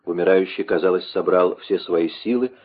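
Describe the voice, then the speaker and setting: A male narrator reads a classic adventure novel aloud in a measured, dramatic way. His low voice has a husky edge, and the recording sounds dull and lo-fi. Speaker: audiobook narrator. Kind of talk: dramatic audiobook reading.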